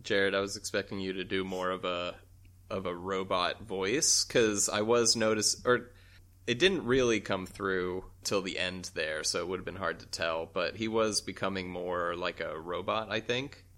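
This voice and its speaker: A man's voice: low voice, fairly even intonation, normal speed, a bit bright. A man co-hosting a podcast, chatting casually and thinking aloud with frequent restarts. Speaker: podcast co-host. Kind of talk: casual chat.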